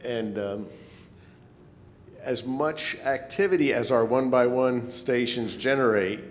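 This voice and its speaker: A man gives a casual club presentation in a meeting hall, sounding a bit hesitant. The hall is echoey, with a rumbling noise in the background.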